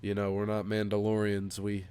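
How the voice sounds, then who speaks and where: Sick sounding guy hosting a podcast, stuffy nasal nose, kinda low but clear voice, chatting casually. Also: monotone, moderate pace, warm tone. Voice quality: nasal, congested. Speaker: podcast host. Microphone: headset.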